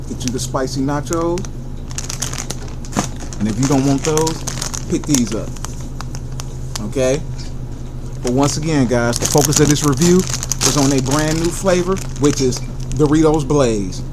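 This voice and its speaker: A man's voice: medium pitch, unhurried, pauses often, background noise. An American man hosting a casual, enthusiastic food review, addressing viewers directly with catchphrases and answering his own questions.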